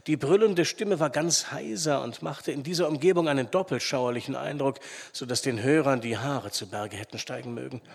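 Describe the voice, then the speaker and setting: A man reading an old adventure story aloud in a measured, expressive storytelling manner, in reverberant sound. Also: medium pitch, vocal fry. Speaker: audiobook reader. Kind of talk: audiobook narration.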